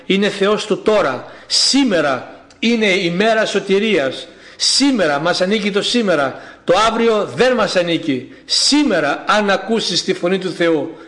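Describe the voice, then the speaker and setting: Preacher guy, high voice, fervent sermon, reads scripture with pauses. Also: a bit bright.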